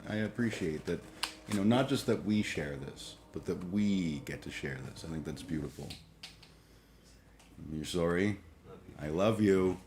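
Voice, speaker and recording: Very deep-voiced groggy man in his forties. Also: darkish tone, a little hiss or hum. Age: 40s. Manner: halting, many fillers and restarts, profane. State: groggy after a late night. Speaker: livestream host. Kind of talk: casual rambling chat.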